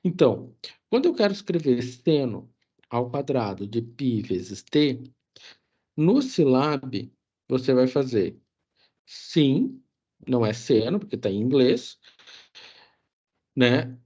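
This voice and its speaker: A man's voice: mid-range voice, sing-song, slow, pauses often, dark tone, husky. Man teaching over lo-fi audio. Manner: casual, many filler checks, self-correcting. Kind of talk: online lecture walking through code. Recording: dull lo-fi audio.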